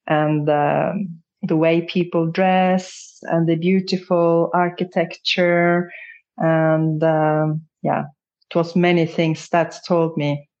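A Norwegian-born woman speaks English as a second language, pausing and searching for her words. Her voice sits a little low and comes through dull and muffled, like a lo-fi recording. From Norway. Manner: hesitant, searching for words, soft laughs. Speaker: interview guest, photographer. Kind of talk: casual interview.

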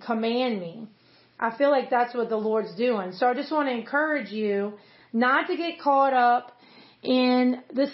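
A woman pastor giving an earnest, conversational devotional teaching, with many casual fillers. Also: a little high. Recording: roomy, slightly dull recording.

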